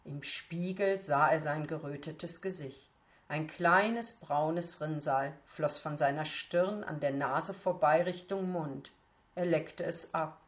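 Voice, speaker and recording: A woman's voice: low-pitched, slow. A woman reading a story aloud, acting out the dialogue with expression. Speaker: reader. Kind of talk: audiobook narration.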